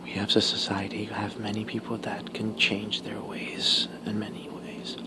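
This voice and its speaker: A man whispering casual ASMR talk while chewing gum, pausing between short, halting phrases. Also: lowish voice, monotone. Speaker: ASMR video creator.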